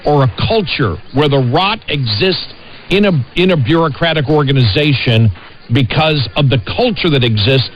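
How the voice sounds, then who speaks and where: Higher-pitched American man on noisy talk radio. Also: animated, moderate pace, highs cut off. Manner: insistent, repeats phrases for emphasis. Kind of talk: conversational political talk radio. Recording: noisy radio broadcast sound.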